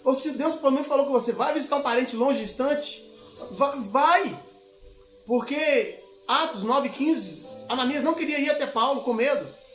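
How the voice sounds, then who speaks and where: A man's voice: extremely high pitch, moderate pace, a bit bright, echoey room, faint music behind. A man from Minas Gerais, a missionary preacher, telling a testimony in a sermon, acting out the dialogue of his story and exhorting the congregation. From Minas Gerais, Brazil.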